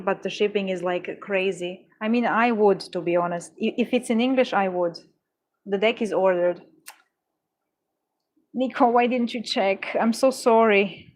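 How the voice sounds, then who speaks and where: A young adult woman livestreaming, chatting casually with her viewers in a gushing, exclamatory way, often stumbling and restarting her words. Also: medium pitch. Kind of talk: casual chat with live viewers.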